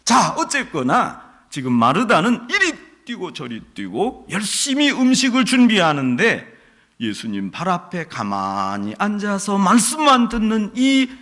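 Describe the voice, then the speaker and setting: Man preaching, bright tone, very expressive pitch, storytelling style. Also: measured pace. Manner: animated storytelling, acts out quotes. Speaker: pastor. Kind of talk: sermon.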